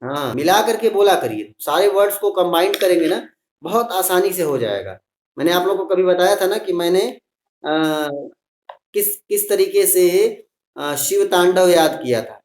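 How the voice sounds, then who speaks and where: Male Sanskrit teacher, somewhat high voice, echoey room; patient and coaxing with children. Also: animated, darkish tone. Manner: patient, coaxing, spells out words slowly piece by piece. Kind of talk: online class for schoolchildren.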